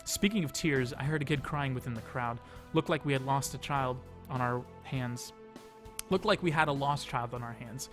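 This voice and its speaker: A man hosting a let's play gives expressive read-aloud narration of a visual novel, bringing the story to life with casual asides. He speaks at a medium pitch and moderate pace over background game music.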